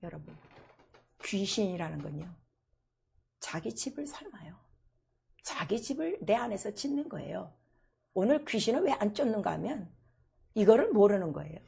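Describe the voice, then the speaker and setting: Gravelly, husky woman pastor preaching. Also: mid-range voice, very animated, normal speed, pauses often. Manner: emphatic, swings between loud exclamations and hushed whispers. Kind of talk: sermon.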